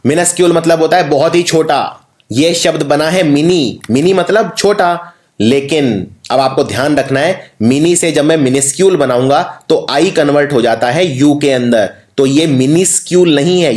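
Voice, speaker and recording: A man with an Indian accent teaching English spelling for an exam, explaining each word slowly and spelling it letter by letter. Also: fairly high pitch, darkish tone. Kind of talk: exam-prep spelling lesson. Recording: roomy echo.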